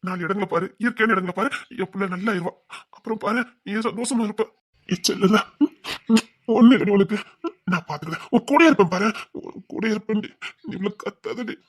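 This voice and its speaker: An actress voices a tender, devoted woman with a Tirunelveli Tamil accent, trying to calm a grieving loved one. She soothes her, pleads with her and repeats the same reassurances over and over. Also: medium pitch, a little fast, breathy edge, close to an everyday voice. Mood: pleading, soothing. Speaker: close companion consoling a grieving woman. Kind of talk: emotional web drama acting.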